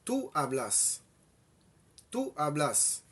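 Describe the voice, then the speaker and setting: A man teaching a language lesson, saying each phrase twice, slowly and deliberately. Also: a little high, huge pitch swings, a bit bright, husky. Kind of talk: slow bilingual language lesson.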